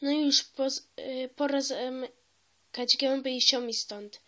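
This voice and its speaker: A woman's voice: high-pitched, fairly even intonation, slow, a bit bright. A woman reading the lines of a harsh, contemptuous mother who scolds her daughter, in a storybook reading. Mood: scornful. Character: harsh scornful cave-dwelling mother.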